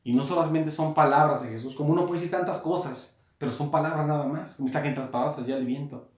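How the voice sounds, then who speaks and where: A man preaching a sermon in a small room, repeating and rephrasing his points and rising to loud emphasis on quoted words. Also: on the high side, quick pace, echoey room. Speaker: pastor.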